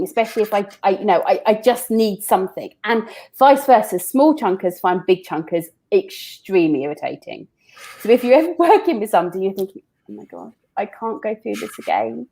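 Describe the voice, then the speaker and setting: A woman's voice: mid-range voice, warm tone. A woman being interviewed on a podcast, chatting casually and explaining with everyday examples, often restarting her sentences. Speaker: recruitment founder, interview guest.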